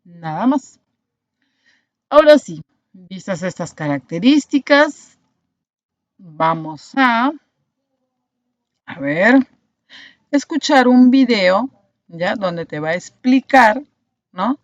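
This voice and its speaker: A woman's voice: medium pitch, expressive, takes it slowly, long pauses, no echo. A woman teaching a grammar class, explaining step by step and checking understanding with frequent tag questions, on a dull, dry lo-fi recording.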